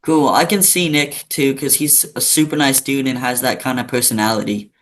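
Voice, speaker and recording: A man's voice: medium pitch, steady tone, normal speed. A male interview host asking short, plain questions in a casual way.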